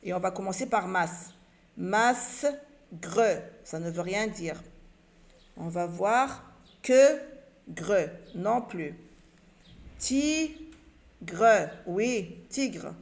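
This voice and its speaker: A primary school teacher leads a children's reading lesson, patiently sounding out letters and syllables one at a time and answering her own questions. Her voice is lowish and a little mellow, and she speaks slowly.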